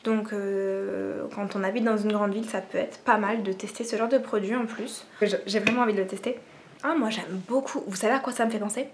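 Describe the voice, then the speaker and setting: A young French woman, a beauty vlogger, chats casually at home to a camera propped on cushions. Her mid-range voice is fairly even in intonation and a little fast, and she rambles and mocks herself with many fillers; there's slight background noise.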